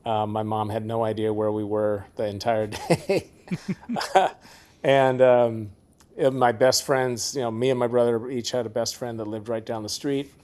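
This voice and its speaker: A man's voice: medium pitch, fairly even intonation, measured pace, a little mellow. A middle-aged man from the Seattle area, a guest musician in a casual interview, rambling through stories and laughing often.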